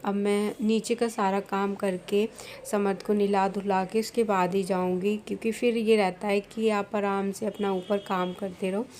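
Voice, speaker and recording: A woman's voice: mid-range voice, flat delivery, normal speed, darkish tone, slight background noise. A young Indian woman, a vlogger from India, talking casually as she explains her household chores step by step. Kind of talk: casual voice-over narration.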